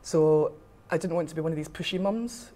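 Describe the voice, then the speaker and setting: This middle-aged rugby official from Scotland's west coast speaks in a deep, warm voice at a slightly fast clip, with a west of Scotland accent. She's candid and firmly opinionated in an informal interview, and there's a little hiss or hum on the recording.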